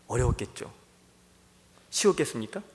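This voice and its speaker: Brief: male pastor, midweek sermon, storytelling with rhetorical questions, mid pitch, in a reverberant sanctuary. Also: sing-song, normal speed, darkish tone. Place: church sanctuary. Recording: long church-hall reverb.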